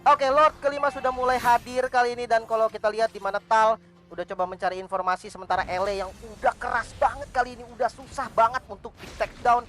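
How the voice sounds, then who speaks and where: An Indonesian man working as an esports caster, giving excitable running play-by-play of a live match. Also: very high voice, quick pace, faint music behind.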